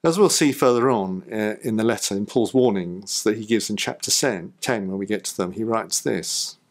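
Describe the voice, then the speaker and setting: A man preaching a sermon in church, emphatic and full of rhetorical questions, his pitch jumping up on key points. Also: moderate pace.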